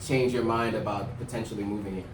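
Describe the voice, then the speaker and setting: A man's voice: on the low side, steady tone, fast talker, far from the mic. An American man hosting an interview, curious and steering the talk with questions and short replies. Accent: American English. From United States. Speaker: interview host. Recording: echoey room, off-mic, faint noise.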